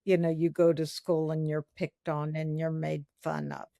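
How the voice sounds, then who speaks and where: A woman with a Southern US accent, a guest expert on a podcast, explaining things in a measured way. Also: deep voice, flat delivery, gravelly, mellow, dry recording, studio quality. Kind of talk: podcast interview.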